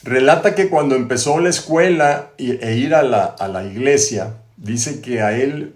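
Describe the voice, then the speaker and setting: Male host, chatty storyteller with many tag questions, middle pitch, echoey room. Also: a little mellow. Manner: conversational, frequent tag questions and restarts. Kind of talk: storytelling biography retelling. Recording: roomy echo.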